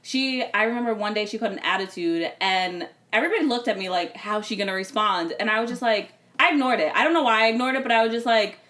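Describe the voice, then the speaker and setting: Fast-talking chatty young woman. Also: fairly high pitch, a bit bright. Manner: chatty storyteller, many "like" fillers. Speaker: podcast co-host, former cheer coach. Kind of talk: casual podcast chat.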